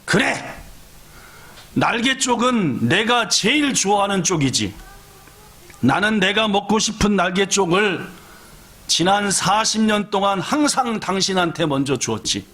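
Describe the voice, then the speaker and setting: A man voicing an elderly husband in his sixties who shouts back at his wife, later musing on his own regrets, within a sermon story. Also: medium pitch, slow, lightly acted. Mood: shouting angrily. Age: older. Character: old husband, stubborn then remorseful.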